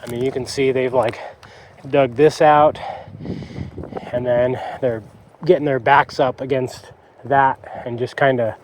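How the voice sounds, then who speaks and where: A man filming himself outdoors in a river bottom, talking to his viewers in an excited, rambling way full of "I mean" and "like". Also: mid-range voice, a little slow, pauses often, slight background noise. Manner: excited, exclaiming, lots of fillers like "I mean" and "like". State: catching his breath. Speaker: shed hunter filming himself. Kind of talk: outdoor vlog narration. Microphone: camera mic.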